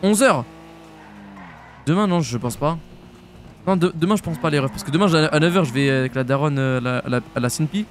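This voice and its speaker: A young French man streaming a roleplay game, chatting casually in slang and jumping into high shouts. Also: slight background noise. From France. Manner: casual slangy banter, quick jumps to high-pitched shouts. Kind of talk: live-stream roleplay chat.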